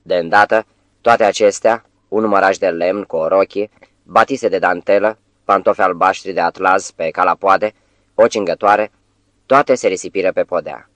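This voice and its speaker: A man reading an audiobook as scripted narration, measured, with phrase ends that soften and trail off. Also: deep voice, no room sound.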